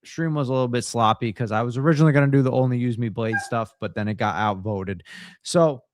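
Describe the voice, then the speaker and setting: A man's voice: medium pitch, quick pace, no room sound. Chatty, rambling male streamer. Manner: rambling and chatty, thinking aloud. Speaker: streamer and host. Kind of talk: casual livestream commentary.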